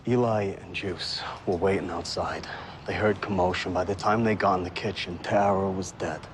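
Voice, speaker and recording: A hardened biker club leader speaks low and steady, as an actor plays him in a TV drama clip. His voice is very deep, and clear background noise from the show's audio runs underneath. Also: moderate pace, lightly acted. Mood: steady, grim. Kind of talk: television drama acting.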